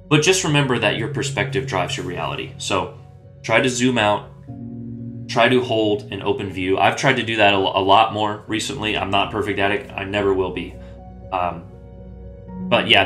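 A man's voice: on the low side, bright, forceful tone. A man talking casually as a gaming YouTuber, rambling and often restarting or correcting himself mid-sentence. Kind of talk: casual commentary.

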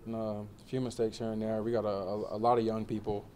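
A young man in his twenties, a college football player, answering questions in a relaxed postgame press interview, with many fillers. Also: lowish voice, fast talker, slight background noise. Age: 20s. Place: indoor media room before a banner.

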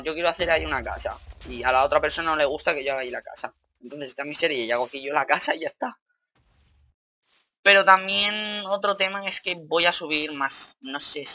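Excitable young Spaniard gaming, bright voice. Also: male voice, medium pitch. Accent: Spain Spanish. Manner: excitable, swearing, thinking aloud. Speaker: gaming YouTuber. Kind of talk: Minecraft let's play commentary.

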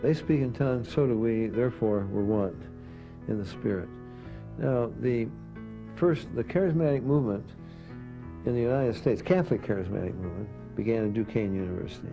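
A man's voice: lowish voice, a little fast. A man giving an assertive, warning teaching talk on a dull lo-fi recording with music.

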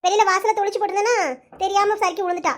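A woman voicing a scolding middle-aged village mother with a southern Tamil Nadu accent, sharp and rapid. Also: extremely high pitch, little pitch movement.

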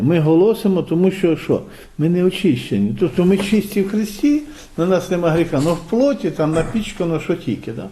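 A man's voice: a little high, warm tone. A middle-aged man with a Ukrainian accent, preaching a sermon in a conversational way, often tagging his points with rhetorical questions. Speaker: pastor.

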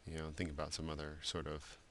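A man giving a screen-recorded software drawing tutorial, talking loosely with many fillers and restarts. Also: very deep voice, completely flat delivery, fast talker, slight background noise. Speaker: art instructor.

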